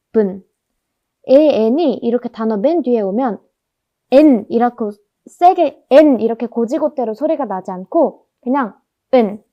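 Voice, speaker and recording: A woman's voice: fairly high pitch, muffled recording. Patient woman teaching German pronunciation. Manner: patient, drills words slowly by repetition. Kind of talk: explanatory language lesson.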